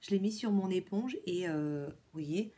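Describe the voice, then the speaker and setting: A woman vlogger chatting casually through a makeup product review, repeating words often and filling pauses with many fillers. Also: on the low side, warm tone, slight background noise. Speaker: beauty vlogger.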